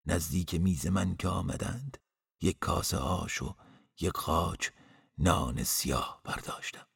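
A man narrating a first-person story in a calm, measured storytelling voice as an audiobook narrator. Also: deep voice, creaky, husky, dry recording, clean studio sound.

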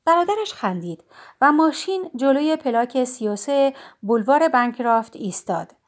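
Woman, high-pitched voice, audiobook narration, calm, steady. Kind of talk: scripted narration.

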